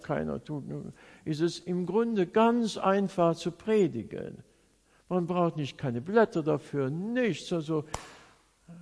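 A man's voice: high voice, darkish tone. A middle-aged man preaching a sermon, telling personal testimony in an earnest, storytelling way. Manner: slow, earnest storytelling, voice rising and sinking. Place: church. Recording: long church reverb.

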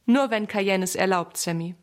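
A woman's voice: mid-range voice, normal speed, lightly acted. A woman voicing a kind but firm mother in a children's story.

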